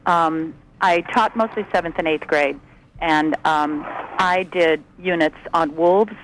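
A woman's voice: low-pitched, slow pace, slight background noise, poor audio. An older woman, a retired teacher, calling in over the phone to a radio talk show and chatting earnestly. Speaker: caller. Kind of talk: casual call-in chat.

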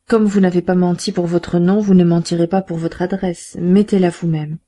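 A man's voice: sits high, level tone, moderate pace, warm tone. A woman voicing a scheming, grasping middle-aged crook who gives curt, commanding orders in an audiobook. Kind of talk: audiobook character voice.

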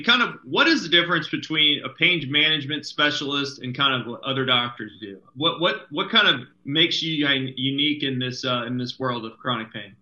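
Bright-voiced male radio host, roomy sound. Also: on the high side, lo-fi sound. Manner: chatty, with frequent fillers and restarts. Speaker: radio talk show host. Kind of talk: casual radio chat. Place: radio studio.

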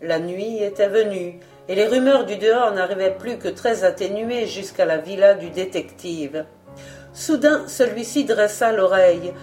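A woman reading a novel aloud as narrator, in an expressive, dramatic way. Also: mid-range voice, unhurried, faint music behind. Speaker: audiobook reader. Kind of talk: scripted narration.

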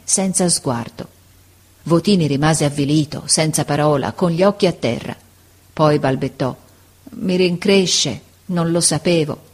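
A woman reading a classic children's novel aloud, with measured and expressive storytelling. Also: low voice, breathy edge. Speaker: audiobook reader.

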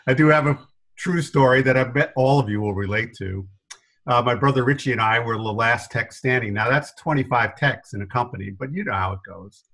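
A man's voice: medium pitch, a little fast, a bit bright. A middle-aged man from New York with a faded New York accent, telling stories as a podcast interview guest, laughing often and punching up his asides. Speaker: guest, business consultant.

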